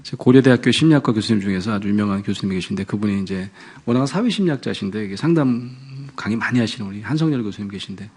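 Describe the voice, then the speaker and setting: A man, a pastor and professor, lecturing parents through animated storytelling and acting out scenes. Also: lowish voice, very fast, hardly any pauses, husky.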